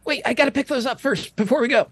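Man doing a high-pitched, whiny cheeky otter. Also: quick pace, fairly bright tone, husky, full character voice. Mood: indignant. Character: small male otter, cheeky gambling trickster.

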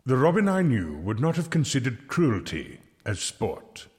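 A wry, kindly friar, echoing hall. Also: male voice, mid-range voice, huge pitch swings. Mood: reproving. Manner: measured, pastoral, gently ironic. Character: kindly, wry medieval friar, gently reproving. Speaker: actor in an audio drama. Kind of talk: dramatic audio drama acting. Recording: long reverberant hall.

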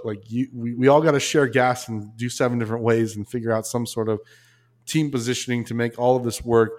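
Man, casual storytelling, animated, restarts and asides, mid-pitched voice. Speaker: podcast guest.

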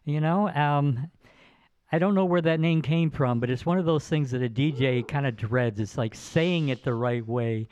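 A man's voice: medium pitch, moderate pace, darkish tone, clean tone. A man hosting as a DJ in a studio, chatting casually and teasing his guests. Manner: teasing, jokey. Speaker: radio DJ host. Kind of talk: casual live studio chat. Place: broadcast studio. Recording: dull lo-fi dry studio sound.

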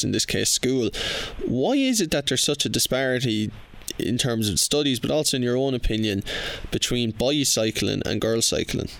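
A man's voice: mid-range voice, vocal fry, a bit bright. A man with an Irish accent conducting a conversational radio interview.

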